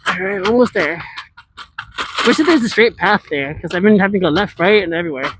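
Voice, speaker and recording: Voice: mid-range voice, animated, fairly quick, background noise. An IRL streamer chatting casually with viewers while walking and scootering outdoors through a large city, rambling and answering chat as they go.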